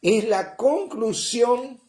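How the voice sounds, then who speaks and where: A man preaches a sermon at an unhurried pace, explaining each point step by step. His voice moves widely up and down in pitch, and he keeps checking in with his listeners with a short "¿eh?" or "¿mm?". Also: expressive, a little mellow. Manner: slow and explanatory, often checking with "¿eh?" and "¿mm?".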